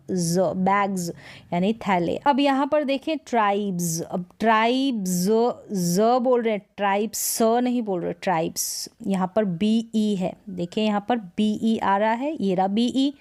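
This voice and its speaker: A woman's voice: mid-range voice, darkish tone. Hindi-speaking woman teaching English pronunciation. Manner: repeats words slowly, quizzes with questions. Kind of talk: explaining pronunciation rules.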